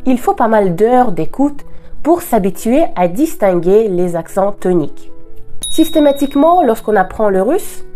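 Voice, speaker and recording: A woman from Russia, a native Russian speaker, giving a scripted language lesson and slowing down to pronounce example words with care. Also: on the high side, big pitch swings, warm tone, faint music behind. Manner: clear, deliberate teaching, slowing to model example words. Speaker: language teacher.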